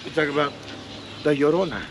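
A man's voice: a little high, fairly even intonation, fairly quick. A middle-aged man guiding a walking tour, talking in a laid-back, slangy way outdoors. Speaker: local tour guide. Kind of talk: casual chat. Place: outdoors in a town park. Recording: outdoor street noise.

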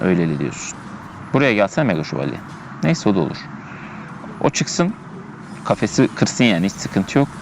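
A man's voice: fairly low pitch, creaky, noisy background. A man giving casual gameplay commentary, chatting and thinking aloud as he plays, often repeating himself, recorded outdoors in a park.

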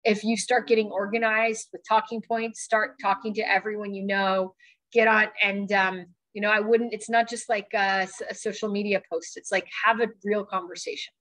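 A woman's voice: medium pitch, level tone, normal speed, fairly bright tone, rough recording. Earnest woman urging on a video call. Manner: earnest, urging, conversational with fillers. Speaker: county supervisor on a transit board. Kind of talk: town hall remarks on a video call. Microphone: video call webcam.

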